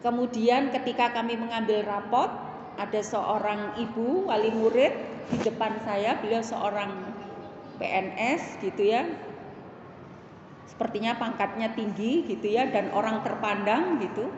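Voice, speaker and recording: A middle-aged woman with a Javanese accent gives a sermon to a women's study circle, telling stories in an animated way and putting questions to her listeners. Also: on the high side, a little slow, slight background noise. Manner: animated, asks the audience questions, slips into regional phrases. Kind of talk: sermon with storytelling. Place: hall of a religious gathering. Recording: echoey hall, dull lo-fi sound.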